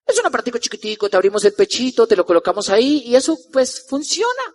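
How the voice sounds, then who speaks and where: A man with a Colombian accent quoting a calm male doctor who breezily downplays serious news. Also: extremely high pitch, fast, exaggerated voice. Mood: breezy.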